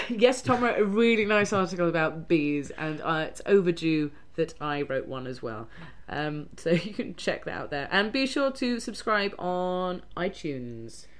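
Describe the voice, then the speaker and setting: A woman with a somewhat low voice co-hosts a casual podcast. She teases playfully and giggles a lot. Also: lively intonation, a little slow. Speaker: podcast co-host. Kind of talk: casual chat.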